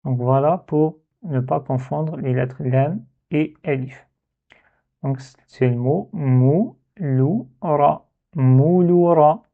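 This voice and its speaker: A man's voice: mid-range voice, vocal fry. A man teaching Arabic letter reading in a step-by-step lesson, patiently repeating syllables to demonstrate. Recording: tinny phone-like sound.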